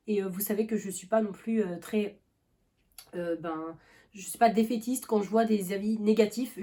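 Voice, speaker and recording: Warm in tone and medium in pitch, this young book vlogger's voice drifts through a rambling, casual chat. She restarts often, uses lots of fillers, and coughs occasionally.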